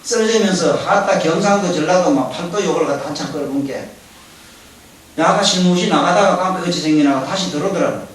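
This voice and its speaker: A high-pitched man with a delivers a Buddhist dharma talk, firing rhetorical questions at his listeners. He is recorded from far off in a very echoey hall, with faint hiss underneath. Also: fast. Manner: animated, rhetorical questions, addresses listeners directly. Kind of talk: Buddhist sermon lecture.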